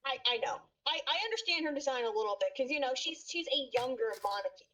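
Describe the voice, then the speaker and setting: A woman's voice: high-pitched, lively intonation, quick pace, a bit bright, poor audio. A woman in a casual gaming chat, opinionated and blunt, swearing freely.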